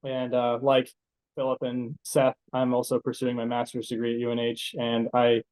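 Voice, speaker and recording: A young man in his twenties speaks in a flat, steady tone. He is an engineering graduate answering interview questions casually, with plenty of hesitant fillers. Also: mid-range voice, moderate pace, rough recording. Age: 20s. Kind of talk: interview guest.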